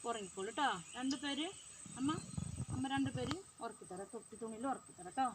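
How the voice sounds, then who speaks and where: A woman's voice: fairly high pitch, fast talker. A woman playing mother to her dolls, talking in fond, coaxing, motherly chatter. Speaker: vlogger. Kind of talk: pretend play, mothering dolls. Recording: clear background noise.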